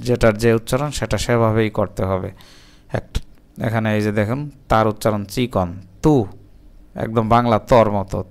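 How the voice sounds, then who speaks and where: A man from Bangladesh teaching Quran reading, drawing out each letter and syllable slowly and explaining mouth and tongue positions patiently. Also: lowish voice, smooth. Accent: Bangladeshi Bengali. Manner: drawn-out syllable by syllable recitation. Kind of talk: slow spelled-out pronunciation drill.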